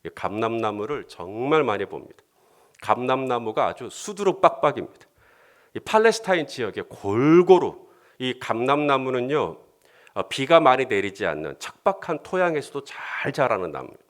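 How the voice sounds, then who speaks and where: A male pastor preaching in a casual, conversational way. His voice swings widely in pitch and becomes more heated when he voices prayers. He sits at an ordinary pitch for a man. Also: big pitch swings, moderate pace. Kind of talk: sermon.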